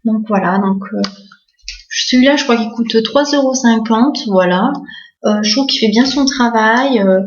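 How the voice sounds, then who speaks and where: A woman's voice: a little high, measured pace. A woman, chatting casually through a beauty haul, full of fillers and enthusiasm for bargains. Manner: chatty, many fillers and "voilà". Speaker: beauty vlogger. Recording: echoey room, dull lo-fi sound.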